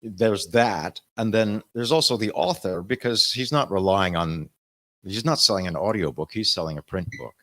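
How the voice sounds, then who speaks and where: A man, an audiobook narrator, talking on a convention panel in an animated, explaining way. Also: fairly low pitch, normal speed.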